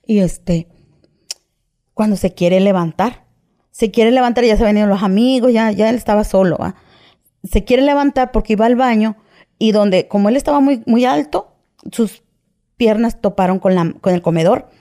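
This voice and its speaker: A woman's voice: medium pitch, moderate pace, dark tone. A woman telling her own story as an interview guest, often tagging phrases with "¿verdad?" and "¿va?" and restarting her sentences. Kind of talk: personal testimony, casual retelling.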